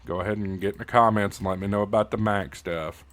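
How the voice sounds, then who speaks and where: A man's voice: fairly low pitch, steady tone, fast talker, a bit bright. A man with an Appalachian hillbilly accent hosting a casual tutorial in a folksy, informal way, talking straight to his viewers. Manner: folksy, informal, addresses viewers as y'all and guys. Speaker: YouTube host and amateur radio news anchor. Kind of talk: casual tutorial livestream chat.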